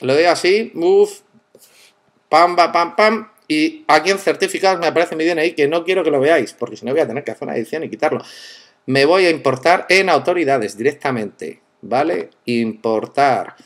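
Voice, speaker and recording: A man's voice: a little high, moderate pace. A man from narrating a screen-recorded tech tutorial, playful and joking with viewers, exclaiming as he goes.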